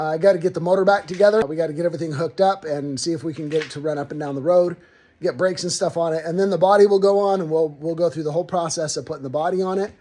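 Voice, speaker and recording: A DIY car builder vlogger talks casually to the camera from his home garage, rambling a bit as he tells viewers about his car project. His voice is fairly high-pitched with a darkish tone.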